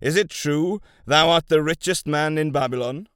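A man voicing a commanding ancient king who speaks in a formal, regal way, louder and a little higher than his narration. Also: normal speed, smooth, dry recording, clean studio sound, natural voice. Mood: eager. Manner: demanding, regal.

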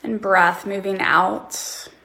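A woman guiding a relaxation meditation, counting breaths slowly and leaving long pauses between short phrases. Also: medium pitch, fairly even intonation, gravelly, bright, forceful tone.

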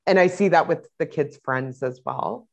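Low-voiced woman, rambling mother. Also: normal speed, vocal fry, darkish tone. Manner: rambling, many fillers and restarts. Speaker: parent guest. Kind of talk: casual interview talk. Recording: dull lo-fi sound.

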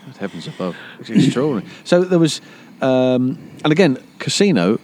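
A man's voice: medium pitch, big pitch swings, brisk, darkish tone, slight background noise. A man hosting an interview, jokey and theatrical, steering the guest through his stories. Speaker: interview host. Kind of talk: lively interview chat.

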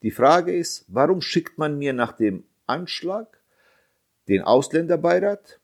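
His voice high-pitched and a little mellow, this German man in his fifties talks as a grieving father in a heated interview. He sounds indignant and emphatic, hammering his points repeatedly and firing rhetorical questions.

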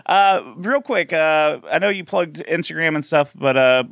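A man hosting a casual podcast, relaxed and loose, with plenty of fillers as he talks. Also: on the high side, unhurried, vocal fry, no room sound, clean studio sound. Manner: relaxed, filler-heavy, laughs along. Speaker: podcast host.

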